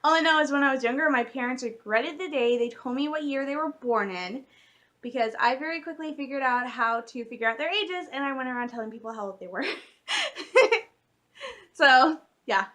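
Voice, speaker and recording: A woman's voice: high voice, fairly quick, pushed and bright. A woman in her late twenties chatting casually to the camera from her room at home, rambling and giggling, with lots of fillers. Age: late 20s. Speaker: vlogger.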